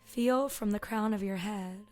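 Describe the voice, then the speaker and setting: Singing bowl tones and soft meditation music accompany a woman of medium pitch guiding a meditation as a yoga teacher. Her delivery is soft and soothing, full of long pauses, and at times fades into a breathy whisper.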